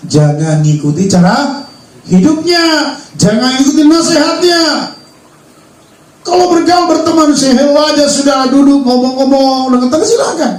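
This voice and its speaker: A male pastor preaching a sermon, emphatic and full of rhetorical questions, recorded from a distance in a church hall. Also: sits high. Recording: roomy hall sound from far off.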